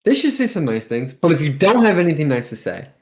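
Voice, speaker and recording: A man's voice: on the high side, big pitch swings, fast talker. A man co-hosting a podcast in casual chat, talking in a slangy, exclamatory way. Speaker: podcast co-host.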